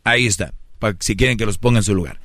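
A man's voice: lowish voice, rapid-fire, vocal fry, no room sound, clean studio sound. A man with a Mexican accent hosting a call-in radio advice show, brash, slangy and teasing. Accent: Mexican Spanish. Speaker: radio host. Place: radio studio.

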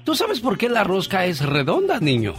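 Male radio host, avuncular storyteller and chatty moralizer, highly animated intonation, music bed underneath. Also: moderate pace.

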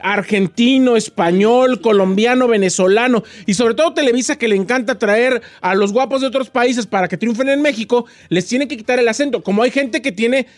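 High-voiced Mexican radio co-host. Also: male voice, fairly quick, few pauses. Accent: neutral Mexican Spanish. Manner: earnest, insistent, formal with the host. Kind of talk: playful radio banter.

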